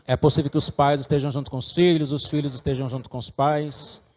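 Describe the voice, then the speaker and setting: A man's voice: medium pitch, flat delivery, fairly quick, darkish tone, in a large hall, a little hiss or hum. A middle-aged man, preaching a sermon and earnestly exhorting his congregation. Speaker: pastor.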